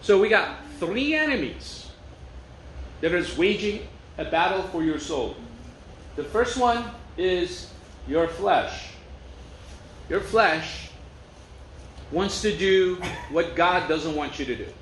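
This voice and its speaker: A man's voice: high-pitched, animated, slow, long pauses, a bit bright. A man from Turkey preaching in a conversational, storytelling way, asking rhetorical questions. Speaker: pastor. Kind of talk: sermon. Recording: echoey room with faint noise.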